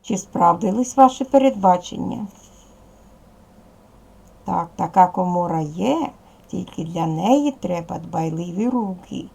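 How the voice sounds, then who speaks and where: Woman teacher talking to little kids in a video lesson, gravelly edge, patient and clear. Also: lowish voice, lively intonation, measured pace, pauses often, dark tone. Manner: patient, clear instructions to children. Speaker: primary school teacher. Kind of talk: recorded video lesson for children.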